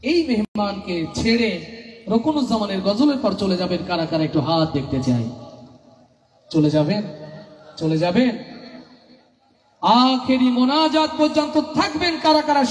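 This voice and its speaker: A fervent young man in his twenties, a singer from Bangladesh, speaks to a night-time religious gathering in a high voice. He declaims with rhetorical force and calls on the crowd to shout back. His words ring through a handheld mic and PA, with a long, roomy reverb trailing behind. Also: sing-song, moderate pace, pauses often. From Satkhira, Bangladesh. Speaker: ghazal singer. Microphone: handheld microphone through a PA. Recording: echoey PA sound with long reverb.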